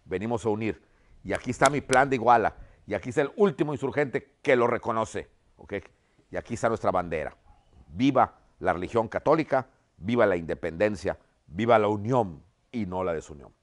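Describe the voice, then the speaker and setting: A man's voice: fairly low pitch, lively intonation, fairly quick, lightly acted. A man voicing a proud, persuasive male general who pleads for peace and union in a storytelling lesson. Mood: solemn.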